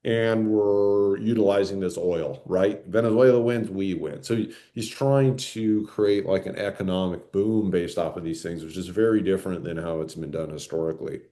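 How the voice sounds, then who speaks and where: Guy co-hosting a podcast, low mellow voice, lots of "like" and "right?". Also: moderate pace, hardly any pauses. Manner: rambling, many fillers and tag questions. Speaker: podcast co-host. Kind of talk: casual conversational chat.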